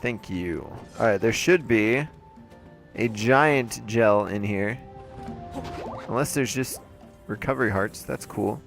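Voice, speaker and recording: Soft music sits behind this man as he chats playfully about the video game he's playing, dropping jokey asides like a typical let's play host. His voice is lowish, slow and creaky, with frequent pauses and a slight congestion that leaves his throat sounding a bit off.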